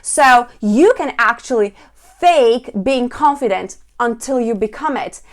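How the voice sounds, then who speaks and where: Higher-pitched woman coaching, clear deliberate delivery. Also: expressive. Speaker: public speaking coach. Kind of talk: instructional presentation to camera.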